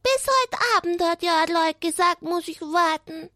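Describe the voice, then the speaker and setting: A performer voicing a small, eager hare puppet who talks like an excited child in a children's puppet show. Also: extremely high pitch, moderate pace, no echo, heavily acted. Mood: chatty. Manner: chatty, excitable, childish talk.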